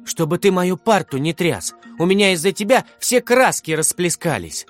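A man voicing an indignant little schoolgirl who complains loudly. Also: sits high, lively intonation, normal speed, faint music behind, pitched above the performer's own voice.

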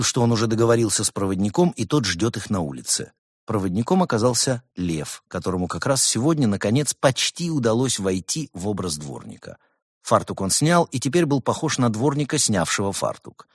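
A man narrating an audiobook in a dry, deadpan manner. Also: fairly low pitch, husky, no room sound.

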